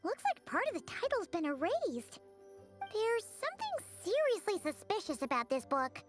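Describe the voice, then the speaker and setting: Tiny game fairy girl, very high squeaky voice, chatty, lively swooping intonation, music behind. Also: normal speed, full character voice. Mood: puzzled, suspicious. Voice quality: squeaky, childlike. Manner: chatty, exclamatory. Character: Paimon, small childlike chatty floating fairy companion girl. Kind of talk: video game voice acting.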